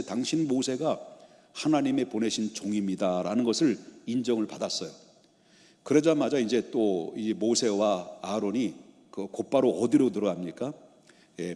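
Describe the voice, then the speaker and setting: Male senior pastor, warm low-key tone, lively narrative sermon in a reverberant sanctuary. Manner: storytelling, acting out the scene. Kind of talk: expository sermon. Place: church sanctuary. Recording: long church reverb.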